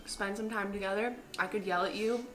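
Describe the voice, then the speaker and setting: A young woman from upstate New York hosting a casual home vlog, excitable and gushing, swearing freely as she chats. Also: medium pitch, brisk, noisy background. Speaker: channel host. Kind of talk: casual chat. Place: home kitchen. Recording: echoey room, faint music.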